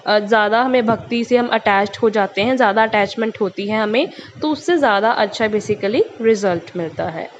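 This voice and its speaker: A young woman hosting her own channel, talking in a relaxed, chatty way about a mantra, with lots of casual English fillers. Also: a little high. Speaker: tarot channel host. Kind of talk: casual spiritual talk. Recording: muffled lo-fi recording with faint hiss.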